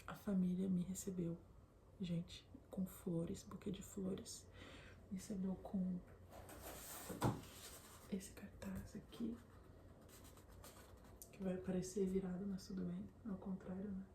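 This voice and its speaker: Young woman vlogger from southern Brazil, gravelly, hushed delivery, bedroom recording with faint background hiss. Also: mid-range voice, level tone, slow, long pauses. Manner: often drops to a soft whisper. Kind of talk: casual chat to camera.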